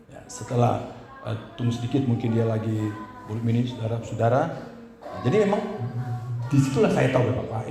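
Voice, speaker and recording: A male pastor preaching a storytelling sermon, animated and often calling his listeners "saudara". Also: medium pitch. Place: church. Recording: very echoey church hall.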